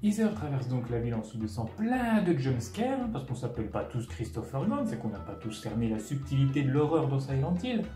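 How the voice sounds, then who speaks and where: Sarcastic man reviewing a film, mellow, roomy. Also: mid-range voice, sing-song, fairly quick, few pauses. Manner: sarcastic, casual asides. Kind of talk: scripted comedic film recap and review narration. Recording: roomy echo, music underneath. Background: music.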